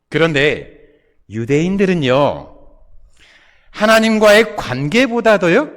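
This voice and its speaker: A man's voice: high-pitched, a bit bright. A male pastor preaching a Sunday sermon, putting rhetorical questions to the congregation. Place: church sanctuary. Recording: long reverb of a church hall.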